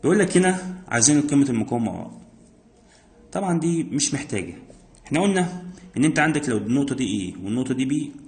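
His voice is mid-range and a little mellow, with big swings in pitch, a fast pace, and long pauses. An Egyptian-accented man, he teaches physics by tackling exam problems step by step and answering his own questions. The sound is echoey, as if in a large room.

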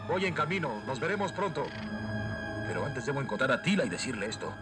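Man as earnest young cartoon prince, expressive, mid-pitched, Latin American accent, loud score behind. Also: quick pace, over loud music, close to an everyday voice. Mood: urgent. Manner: sincere, concerned.

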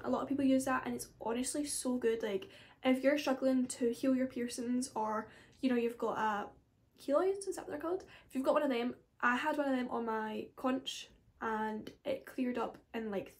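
A woman's voice: fairly high pitch, darkish tone. A woman, chatting casually to camera as a vlogger, rambling with frequent asides. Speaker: beauty vlogger.

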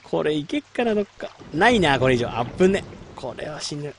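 A man's voice: fairly high pitch, very animated, fast talker, slight background noise. A man streaming a game late at night, chatting casually and muttering reactions to the gameplay. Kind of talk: late-night casual chat while gaming.

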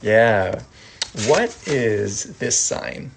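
Man, slow relaxed teacher, medium pitch, soft-spoken, faint background hiss. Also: vocal fry. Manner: slow, soft-spoken, acts out example phrases. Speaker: sign language teacher. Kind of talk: casual spoken lesson.

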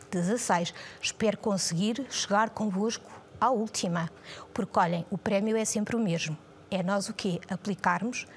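A woman teacher with a European Portuguese accent, running a quiz game for young pupils, lively and encouraging, asking questions and answering them herself. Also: medium pitch, slight background noise. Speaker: primary school teacher. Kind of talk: online language lesson with a quiz game. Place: home or studio, recorded alone.

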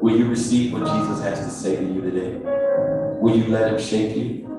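A man's voice: on the low side, fairly even intonation, moderate pace. A man preaching a sermon and altar call as pastor, with a Southern US accent and a rhythmic delivery that builds into sung, chanted calls. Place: church sanctuary, heard from afar. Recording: distant echoey church with piano. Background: organ or piano music under the preaching.

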